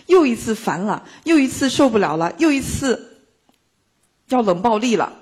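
A woman giving a lively, playful motivational talk to a live audience, acting out little everyday scenes. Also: on the high side, normal speed, slightly rough. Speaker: speaker teaching a live audience.

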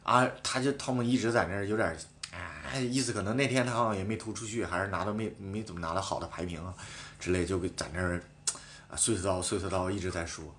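Man guest recounting race drama, quick and animated, casual swearing. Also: low voice, a little hiss or hum. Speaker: professional cyclist guest. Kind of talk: casual storytelling chat.

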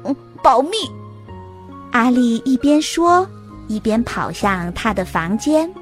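Woman storyteller for children, unhurried and gentle, higher voice. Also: very animated, soft background music.

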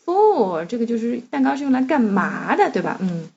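Husky, fairly high-voiced woman tutor. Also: lively intonation, fairly quick, darkish tone, lo-fi sound. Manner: prompting, checking with short tag questions. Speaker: reading tutor guiding a child. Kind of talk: casual explanatory chat over a storybook.

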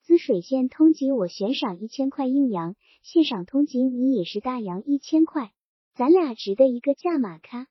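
A woman voicing a calm, frank young revolutionary man in a storybook reading, speaking plainly with a light joking edge. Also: sits high, moderate pace, husky, no echo. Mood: candid. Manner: calm, candid, gently joking. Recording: dull lo-fi sound.

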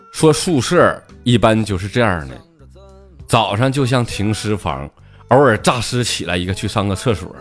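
A man with a Northeastern Mandarin accent telling jokes as a stand-up comedian, chatty and full of dialect slang. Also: mid-range voice. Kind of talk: comic joke telling.

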